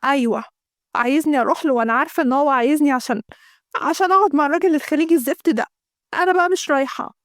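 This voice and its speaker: A woman's voice: high voice, racing, no echo, clean studio sound, natural voice. A woman voicing an irritable young Egyptian woman who snaps at her sister. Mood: irritated. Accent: Egyptian Arabic. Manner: snappy, exasperated.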